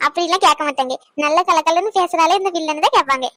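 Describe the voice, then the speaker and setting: A woman voicing a cheeky young woman in a cartoon who teases her friends in quick chatter. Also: very high-pitched, a bit bright, dry recording, clean studio sound. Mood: teasing.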